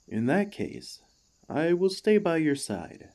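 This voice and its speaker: In an ASMR roleplay, a man portrays an earnest, devoted warforged former gladiator, addressing the listener with formal, courteous, gently hesitant words. His fairly high voice is slow, sing-song, and exaggerated, with a warm, tentative mood.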